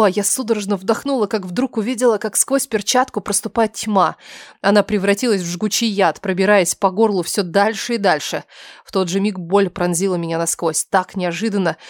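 Woman reading a dramatic audiobook, tense and emotional, gets soft and hushed a lot, very dry close sound. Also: mid-range voice, dry recording. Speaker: audiobook narrator. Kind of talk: first-person dramatic story reading.

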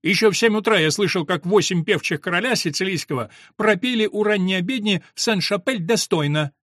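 A man's voice: high voice, fairly quick, fairly bright tone, dry recording, clean studio sound, voice pushed up. A man reading an audiobook voices an impish blond student, brash and irreverent. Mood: griping. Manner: brash griping.

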